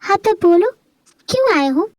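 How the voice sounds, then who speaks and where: A woman voices a scheming young widow out for revenge in a dubbed story drama. She taunts in a cool, controlled way, with a very high voice. The sound is dry and close. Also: big pitch swings, moderate pace, darkish tone, dry recording, poor audio. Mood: taunting.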